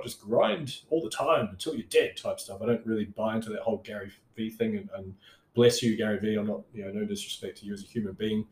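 A man's voice: lowish voice, a little mellow. A man giving a casual motivational talk to his audience as an online business coach, conversational and rambling, repeating phrases for emphasis. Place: roomy space at home next to a busy motorway. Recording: echoey room beside a busy road.

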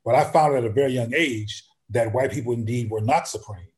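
A man's voice: mid-range voice, fairly quick, a little mellow. A man speaking as an activist guest in a conversational interview, thinking aloud with frequent restarts and acting out the questions he asks.

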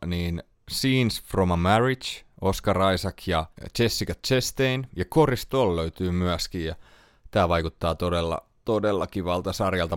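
Low-voiced man musing over series picks. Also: no echo, clean studio sound. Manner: chatty, thinks aloud, trails off and corrects himself. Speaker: podcast host. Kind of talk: casual solo podcast review.

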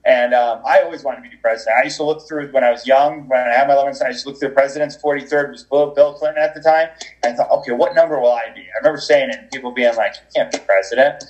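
Talking very fast in a medium-pitched voice, a man guests on a podcast via a remote call with rough recording quality. The interview is energetic and conversational, and he rambles with plenty of restarts and fillers.

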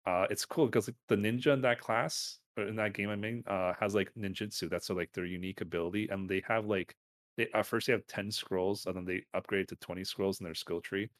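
A man's voice: fairly low pitch, fairly even intonation, fairly quick. A man co-hosting a podcast, chatting casually about games and anime, rambling with lots of fillers and self-corrections. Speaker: podcast co-host.

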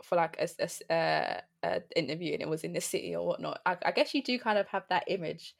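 Young woman, low creaky voice, casual. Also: fast. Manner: informal, slangy, jokey. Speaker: podcast host. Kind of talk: casual podcast chat.

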